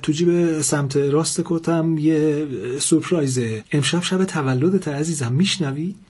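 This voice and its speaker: A man voicing a smug, condescending husband who lectures his wife, in a husky voice. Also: medium pitch, animated. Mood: panicked. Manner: condescending, lecturing, later stammering in fear.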